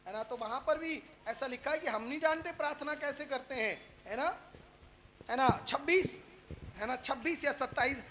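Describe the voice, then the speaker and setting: A man preaching a sermon to a live congregation, firing rhetorical questions at them and tacking a quick "right?" onto nearly every point, swinging between loud calls and quieter asides. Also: very high voice, a little hiss or hum.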